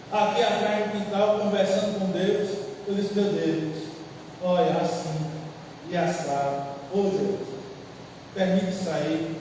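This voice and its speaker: A man in his fifties from Brazil, a pastor preaching a sermon slowly and repeating his points. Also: sits high, a little mellow, slight background noise. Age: 50s. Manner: slow, repetitive preaching with scripture reading. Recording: echoey hall from far off.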